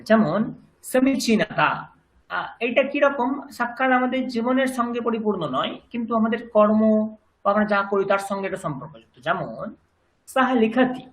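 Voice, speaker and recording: A man teaching a grammar lesson, patiently drilling words through slow repetition. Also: sits high, fairly bright tone, echoey room, rough recording. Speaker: language teacher.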